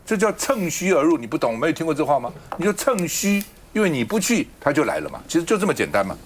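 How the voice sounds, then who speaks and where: A man's voice: fairly high pitch, big pitch swings, fast talker, a little hiss or hum. A man hosting a political talk show, arguing his points with a stream of rhetorical questions into a studio mic. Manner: argumentative, fires off rhetorical questions.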